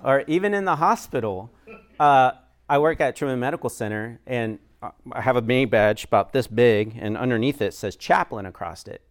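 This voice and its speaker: A man from the United States speaks as a chaplain and pastor at a church discussion. He talks in a loose, conversational way, filling pauses with "uh" and "um" and laughing lightly now and then. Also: medium pitch, lively intonation.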